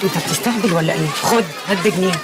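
Actress as a reproachful young Egyptian woman, rapid; very noisy outdoor street. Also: fairly low pitch, over a noisy crowd, lightly acted. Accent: Egyptian Arabic. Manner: sharp, reproachful.

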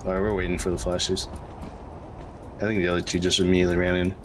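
Low-voiced man streaming a game. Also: level tone, fast, a little hiss or hum. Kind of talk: casual gaming chat and commentary.

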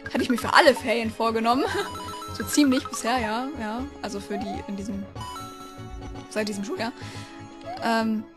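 A woman's voice: a little high, fairly even intonation, moderate pace, long pauses. A young woman chatting casually while playing a video game, rambling and breaking into frustrated outbursts. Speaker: let's player. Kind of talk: casual gameplay commentary. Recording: game music playing behind the voice.

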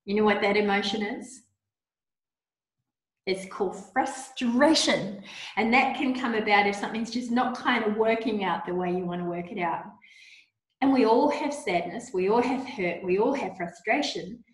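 A woman teaching a yoga lesson to young children, talking softly and encouragingly, with breathy sighs during breathing exercises. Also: mid-range voice, normal speed. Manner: soft, encouraging, coaxing. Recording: very echoey room.

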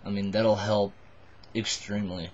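A man in his twenties, a little drunk, giving a halting, rambling, casual confessional to the camera. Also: on the low side, level tone, a little mellow. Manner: tipsy, buzzed, halting and rambling. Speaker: vlogger addressing subscribers. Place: small wood-panelled bedroom indoors. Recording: dull lo-fi webcam audio.

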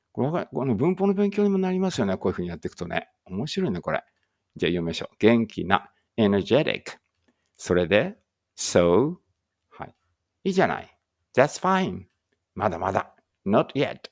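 Man, English teacher, casual lesson, thinks aloud, animated, gravelly. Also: lowish voice. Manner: chatty, thinks aloud with small chuckles.

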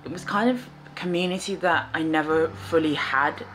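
A soft-spoken young woman talks to camera from her sofa in a low, gentle voice. She sounds reflective and low-key, sharing personal thoughts as she knits. Faint music plays underneath. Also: moderate pace. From England. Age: 20s. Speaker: fibre artist and vlogger. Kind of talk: casual chat to camera while knitting. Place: small living room, indoors, on a sofa.

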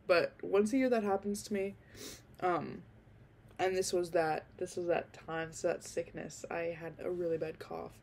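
Her voice is lowish and a bit dark: a young woman podcast host, a little nasal since she's sick, chatting casually and rambling with frequent ums and likes. She speaks into a close-held handheld desk mic in a dim bedroom.

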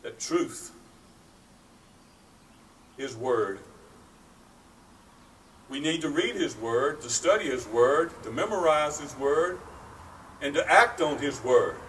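Middle-aged man, pastor, slow deliberate outdoor sermon, slightly higher voice, mic well off, faint hiss. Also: lively intonation, fairly bright tone, recorded from a distance, poor audio. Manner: slow, earnest preaching with pauses. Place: outdoors by a brick church. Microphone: far camera, at a wooden pulpit.

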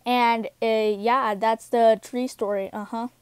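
A young woman casually telling a personal story, halting with many fillers and restarts, recorded on a close home microphone. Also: on the high side, fairly even intonation, darkish tone, clean tone, no echo.

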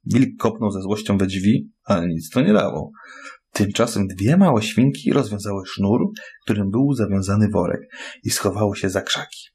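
A man reading a fairy tale aloud, expressive and adding sound effects. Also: on the low side, normal speed. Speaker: storyteller.

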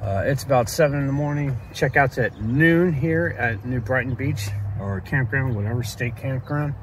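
A man's voice: mid-range voice, moderate pace, poor audio. A middle-aged man chatting casually on a travel vlog, filmed on a phone at arm's length outdoors, grumbling and joking in an offhand way. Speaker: vlogger. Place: outdoors on a windy coast. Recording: loud wind and outdoor noise. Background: wind, traffic and outdoor noise.

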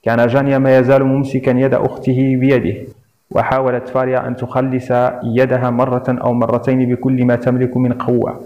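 Male audiobook narrator, steady reading, very flat intonation, dull lo-fi sound. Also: medium pitch, a little fast. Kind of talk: scripted novel narration. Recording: dull lo-fi recording.

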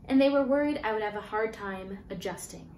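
A woman's voice: mid-range voice, brisk, a little mellow, close to an everyday voice. An actress in her twenties playing a flustered, defensive young jobless graduate in a naturalistic stage monologue, rambling and hesitant. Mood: defensive, incredulous. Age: 20s. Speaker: actor performing a monologue. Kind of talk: naturalistic contemporary theatre monologue. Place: small bare-walled room indoors. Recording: echoey room, faint hiss and noise.

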